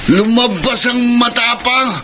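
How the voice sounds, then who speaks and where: An actor playing a rebellious, hard-drinking young grandson in a radio drama, with a belligerent, whining manner. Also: male voice, extremely high pitch, slow. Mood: drunk, defiant. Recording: noisy radio drama track.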